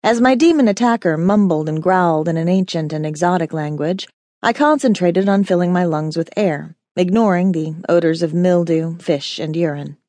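A woman's voice: lowish voice, moderate pace, warm tone, dry recording. A woman narrating a first-person fantasy audiobook with wry, dramatic storytelling.

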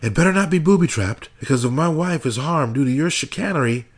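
A desperate, furious husband on the edge, played by a man reading an audiobook. He speaks in sharp, venomous bursts. The voice is pushed high above the reader's low, husky tone. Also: lively intonation, fairly quick. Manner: agitated, venomous.

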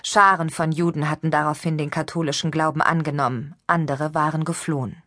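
A woman reading an audiobook in steady, even scripted narration. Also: sits low, brisk, no echo, clean studio sound. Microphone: studio microphone.

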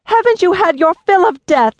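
A woman's voice: a little high, normal speed, no echo, voice pushed up, close to an everyday voice. A woman narrator voicing a commanding, compassionate young Fey queen, her speech urgent and raised. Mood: shocked.

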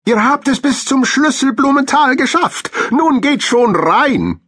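A man's voice: very high-pitched, very animated, unhurried, fairly bright tone, slightly rough, pitched above the performer's own voice, full character voice. A man voicing a kind, cheerful female squirrel in a children's audiobook. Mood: friendly. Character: friendly helpful female squirrel.

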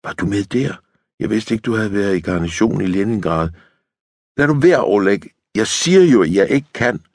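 A stubborn young woman tank sergeant snaps back in curt, defiant retorts, as a male narrator puts her on. Her voice sits raised above his own deep register, with a husky edge. The sound is close and dry, with no room around it. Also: animated, no room sound.

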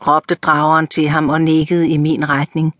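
A woman narrates a novel in the first person, measured and composed. Her voice sits a little low, and the audiobook recording is dry and close. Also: monotone, a bit bright, no echo.

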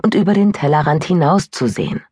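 A woman's voice: low voice, animated, a little fast, darkish tone, slightly rough, no room sound. Audiobook character: woman reading a young woman confessing her past, rueful, close and dry. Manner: rueful, sighing confessional telling. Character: troubled young woman recalling a broken engagement.

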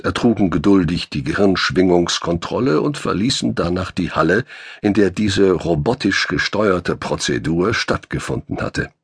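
A man narrating a sci-fi audiobook in measured storytelling, with a gravelly, husky voice close on a studio mic. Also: sits low, a bit bright, no room sound.

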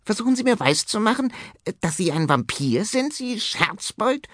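A cocky tomcat hustler, wildly swooping voice, fast and pushy, dry storybook audio. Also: male voice, sits high, very animated, a bit bright, no echo, pitched above the performer's own voice, heavily acted. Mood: brash. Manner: fast-talking, boastful and pushy. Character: brash male tomcat film director, cocky hustler.

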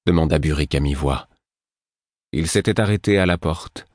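Very deep-voiced male audiobook narrator. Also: dry recording, clean studio sound. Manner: measured, even storytelling. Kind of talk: scripted first-person narration.

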